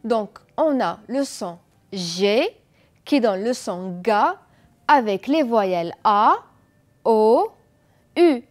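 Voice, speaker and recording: Slow, lively woman teaching French sounds. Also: on the high side. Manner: slow, deliberate drilling with repeated checks. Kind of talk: educational TV pronunciation lesson. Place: TV studio.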